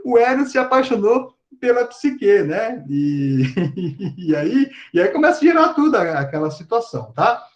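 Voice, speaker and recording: A man's voice: sits high, sing-song, moderate pace, lo-fi sound. A man giving a casual university lecture, retelling a myth in slangy, filler-filled speech. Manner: colloquial, slangy storytelling with many fillers and laughs. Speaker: psychology lecturer.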